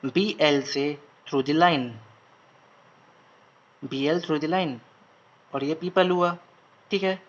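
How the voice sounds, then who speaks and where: Male shorthand tutor, slow and repetitive, slightly high voice, dull lo-fi sound. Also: fairly even intonation. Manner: slow, repeats each word several times while writing. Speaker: shorthand instructor. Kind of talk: online lesson. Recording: dull lo-fi recording.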